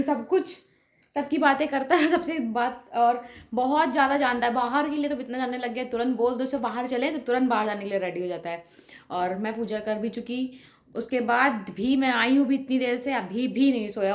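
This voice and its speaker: A young woman narrating her baby's day in a casual home vlog, chatty and sometimes speaking softly so the baby stays asleep. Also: a little high. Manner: chatty, soft-spoken at times to avoid waking the baby. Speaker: family vlogger, mother.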